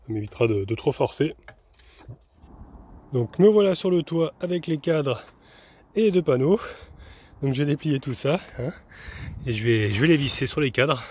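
A man's voice: medium pitch, animated, moderate pace, pauses often, darkish tone, husky. Chatty man narrating a DIY build. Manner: chatty, many fillers and restarts, talking while working. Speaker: vanlife vlogger. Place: workshop and camper van roof, outdoors.

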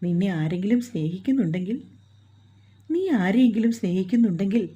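A woman's voice: medium pitch, expressive, fairly quick, warm tone, breathy edge, dull audio. A woman voicing a possessive young man who is in love, speaking in an earnest, coaxing way. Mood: earnest, tender. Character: possessive, smitten young man, wealthy suitor.

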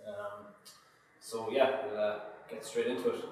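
A man's voice: medium pitch, sing-song, darkish tone, a little hiss or hum. Young man co-hosting in echoey gym. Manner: agreeable, filler-heavy, quick to echo answers. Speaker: podcast co-host. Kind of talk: casual podcast chat. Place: indoor gym. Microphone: far camera mic. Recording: echoey gym room from far off.

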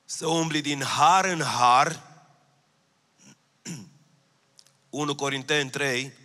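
Speaking into a handheld microphone on the stage of a big church hall, this thirtysomething man from Romania delivers a sermon as pastor. His pitch sits on the high side with a bright, pushed quality. He is earnest and keeps returning to his main phrases, and long reverb fills the hall.

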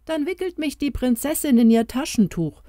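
Woman doing a high, kindly mouse king. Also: expressive, moderate pace, dark tone, no room sound, studio quality. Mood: earnest, urging. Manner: comforting, urging. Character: old king bewitched into a crowned mouse, kindly.

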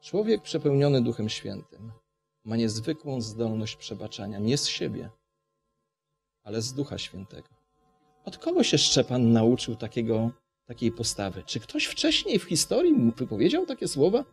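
A man's voice: mid-range voice, sing-song, moderate pace, vocal fry, faint music behind. A man from Poland preaching a sermon, passionate, asking the congregation rhetorical questions.

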